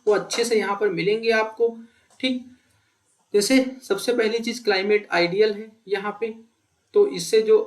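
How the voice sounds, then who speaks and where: A man with a high voice walks students through an exam-prep lesson. He asks his own questions and answers them in a chatty, conversational way. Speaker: teacher. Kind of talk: explanatory exam-prep lecture.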